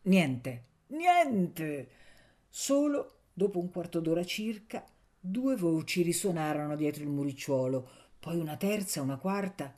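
A woman reads a classic novel aloud with a fairly low voice. Her telling is measured and expressive, shifting with the scene. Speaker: audiobook narrator. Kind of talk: scripted literary narration.

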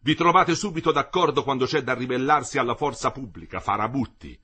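A man's voice: a little high, big pitch swings, slow pace, slightly rough, voice pushed up, heavily acted. A man reading aloud and voicing a harsh police official who barks orders. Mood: threatening. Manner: barking orders, shouting.

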